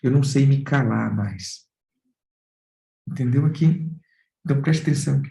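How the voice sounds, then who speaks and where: A male pastor with a Brazilian accent delivers a sermon in a mellow, gravelly voice. He keeps asking rhetorical questions and calls his listeners brothers and dear ones. The sound carries a roomy echo. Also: medium pitch, moderate pace. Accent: Brazilian Portuguese.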